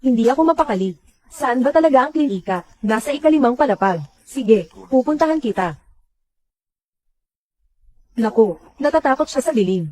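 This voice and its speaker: A woman's voice: high-pitched, lively intonation, normal speed, pauses often, a little mellow, no echo, poor audio. A woman voicing every character of a dubbed drama in one plain voice.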